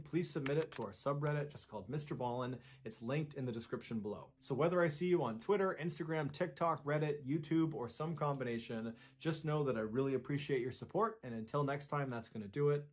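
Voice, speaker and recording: A man hosting an online channel, telling a true story with animated, dramatic emphasis. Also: medium pitch. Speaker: storyteller host. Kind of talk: true-story narration to camera.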